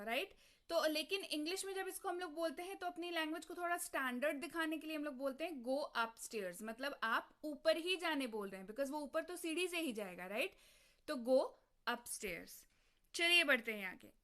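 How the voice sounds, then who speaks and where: Young woman doing an english lesson in hindi, high bright voice, slow careful drilling. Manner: slow, clearly drilled phrases repeated twice; asks the viewer questions and answers them. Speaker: English teacher.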